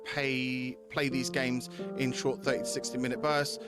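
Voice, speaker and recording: He's a game streamer, an adult father of small children, talking casually to viewers in an informal, sweary style and often saying things twice. His medium-pitched voice barely moves in pitch and runs at normal speed over clearly audible background music.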